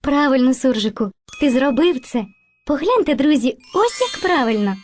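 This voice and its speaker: A woman's voice: sits high, expressive, normal speed, faint music behind. A woman voicing Movka, a kind female spirit of language who teaches and narrates patiently in an educational cartoon. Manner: patient, gently instructive, addresses children fondly.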